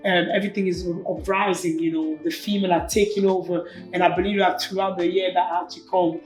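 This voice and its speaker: A woman in her twenties from Cameroon, whose native language is French, talks quickly in a lowish voice as an interview guest. She is casual and animated, tossing in slangy asides, and the room is echoey with faint music behind her.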